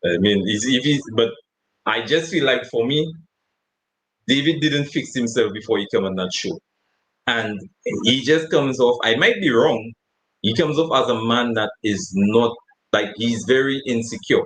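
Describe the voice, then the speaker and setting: Man, casual co-host, rambling, laughing, mid-pitched voice. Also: unhurried, a bit bright, poor audio. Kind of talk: casual chat.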